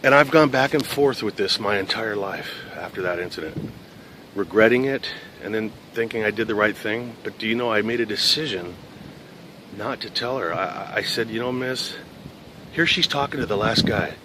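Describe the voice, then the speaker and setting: A man's voice: on the low side, moderate pace. Middle-aged man, former patrol officer; loose, profane storyteller; noisy recording. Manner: profane, rambling, conversational. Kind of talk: casual storytelling.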